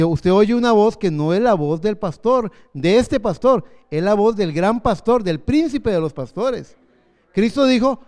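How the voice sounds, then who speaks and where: A man in his fifties preaching a sermon as pastor, earnest, slowing down for emphasis. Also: high-pitched, darkish tone. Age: 50s.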